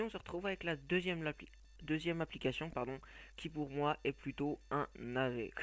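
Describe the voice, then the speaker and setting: A man reviewing phone game apps in a casual, hesitant voice-over, with blunt opinions, frequent fillers and restarts. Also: medium pitch. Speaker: app reviewer.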